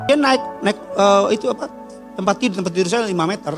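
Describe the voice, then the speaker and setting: A male pastor, preaching a sermon with animated storytelling and acting out voices. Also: high-pitched, fast, over music. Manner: animated storytelling, acting out voices of God, angels and his child.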